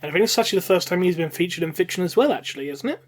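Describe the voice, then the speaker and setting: Rapid-fire and expressive, this man chats casually on a podcast panel, swearing offhandedly for emphasis and running his explanations together in long sentences. His pitch sits a bit above the typical male range.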